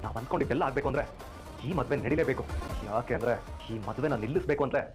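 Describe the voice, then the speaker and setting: An actor in a TV serial playing an ambitious grown son who is eager and plotting. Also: male voice, mid-range voice, rapid-fire, close to an everyday voice. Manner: excited, eager. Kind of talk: TV serial acting. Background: background music score.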